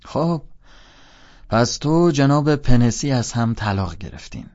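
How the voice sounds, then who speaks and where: Teasing, jovial middle-aged teacher, read by a male narrator; low, husky, a touch lo-fi. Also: steady tone, darkish tone. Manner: teasing, joking tone.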